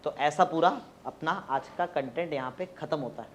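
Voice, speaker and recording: A man teaching chemistry in a classroom, dictating notes slowly and spelling words out letter by letter. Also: on the high side, a little hiss or hum. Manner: mixes Hindi and English, urging students to hurry.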